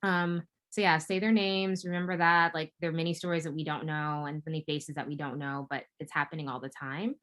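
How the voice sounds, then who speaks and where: A woman's voice: low-pitched, little pitch movement, brisk, a bit bright. A woman giving a webinar talk as guest speaker, casual with many fillers and restarts. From United States. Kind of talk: webinar presentation.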